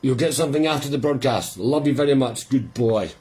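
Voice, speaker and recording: Guy hosting a live listening party, husky voice, rambly and amused, mid pitch. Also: fast talker. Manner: chatty, rambling, quietly amused. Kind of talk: casual live commentary.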